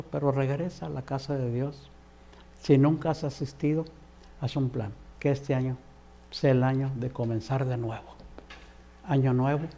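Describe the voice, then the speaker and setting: A man delivers a sermon to a television audience and urges each viewer directly. His voice is mellow and dark, at a middle pitch. A faint background hum runs under the recording. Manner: earnest, exhorting, speaks straight to the viewer. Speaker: preacher.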